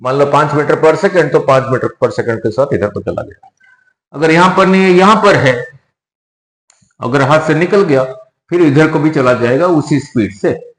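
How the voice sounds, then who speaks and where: A man's voice: on the high side, expressive, unhurried, roomy sound, low-quality recording. A male physics teacher with an Indian accent, explaining step by step and repeating key words, mixing Hindi with English terms. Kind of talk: whiteboard lecture.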